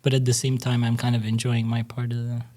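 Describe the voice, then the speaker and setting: A young man from Albania talking casually in a student discussion, relaxed and rambling, laughing now and then. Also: mid-range voice, fast. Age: young adult. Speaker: student panelist.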